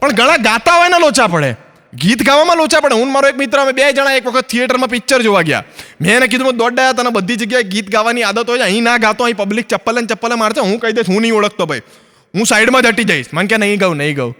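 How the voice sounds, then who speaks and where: Ahmedabadi guy doing standup, high voice, chatty, acts out the dialogue himself. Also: racing, bright, forceful tone, long reverb tail. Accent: Ahmedabad Gujarati. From Ahmedabad, Gujarat, India. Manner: chatty storyteller acting out both sides of dialogues. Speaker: stand-up comedian. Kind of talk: stand-up comedy monologue. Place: stage, filmed for a comedy recording.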